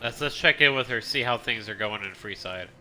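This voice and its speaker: A man's voice: fairly low pitch, fairly quick, pushed and bright, soft background music. A man streaming a game, chatting casually and rambling as he plays, often stopping and restarting his sentences. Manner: rambling, self-interrupting, chatty. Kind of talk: casual gameplay commentary.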